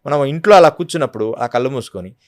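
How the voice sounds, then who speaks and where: A man's voice: mid-range voice, expressive, very fast, no room sound, studio quality. A man, a yogi guest speaking earnestly in an interview, often acting out quotes. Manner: earnest, storytelling with acted quotes. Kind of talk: devotional interview talk.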